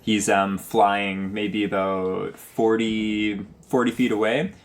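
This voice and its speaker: A man narrating a tabletop game as game master, relaxed and quick to laugh. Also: lowish voice.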